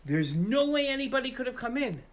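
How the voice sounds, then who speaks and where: A man voicing a worried innkeeper in a children's story, speaking slowly and deliberately. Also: very high-pitched, sing-song, voice pushed up. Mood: grave. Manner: slow, deliberate. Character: worried male innkeeper, grave and careful.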